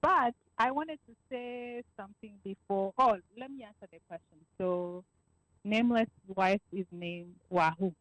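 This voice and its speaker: A woman's voice: medium pitch, measured pace, a bit bright, no echo, rough recording. A woman caller chatting casually on a call whose line keeps breaking up, hesitant and full of fillers.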